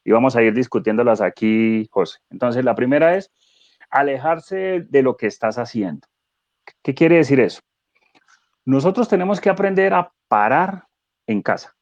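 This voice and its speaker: A man speaking as a guest neuro-coach in a conversational webinar, animated and explanatory, asking rhetorical questions. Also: mid-range voice, no echo, dull audio.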